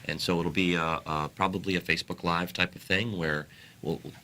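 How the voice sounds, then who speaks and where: A man with a notably low voice and a bright, forceful edge. He talks as an interview guest in an earnest, halting way, often restarting his sentences. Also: fairly even intonation, a little hiss or hum. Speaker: guest author. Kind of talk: interview talk.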